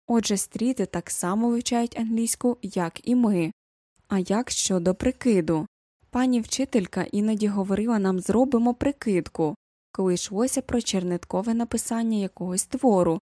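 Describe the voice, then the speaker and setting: A woman reading a first-person novel aloud as an audiobook narrator, measured and reflective. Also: medium pitch, warm tone, dry recording, clean studio sound.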